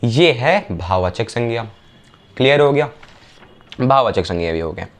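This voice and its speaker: A young man teaching an exam revision lesson, briskly reading out word pairs and checking that the students follow. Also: mid-range voice, lively intonation. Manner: brisk, repetitive drilling with quick checks on the students.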